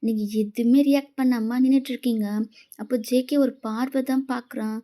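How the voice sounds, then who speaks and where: A woman narrating a fan fiction story in the second person, in a calm, plain way. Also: on the high side, brisk.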